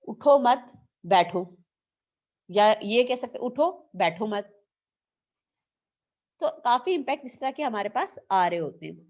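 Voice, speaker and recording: A woman's voice: high voice, darkish tone, lo-fi sound. A woman teaching an online class, explaining step by step and asking questions she then answers herself. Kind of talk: online lecture.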